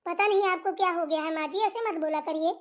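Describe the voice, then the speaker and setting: Woman doing a high, pleading young daughter-in-law. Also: fast talker. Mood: soothing. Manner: pleading, soothing, explaining. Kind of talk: voice acting for a comedy cartoon.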